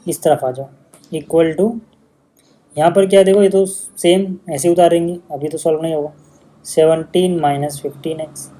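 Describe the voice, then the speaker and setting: A man's voice: a little high, dark tone. A male maths teacher, patiently explaining steps in a casual lesson video.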